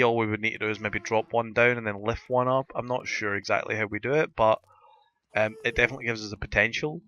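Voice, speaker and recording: Scottish guy doing gaming commentary, gruff sore throat voice but bright, rambly, dry slightly dull mic. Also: fairly low pitch. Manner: rambling, thinking aloud. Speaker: gaming video host. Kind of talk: casual Minecraft let's-play commentary.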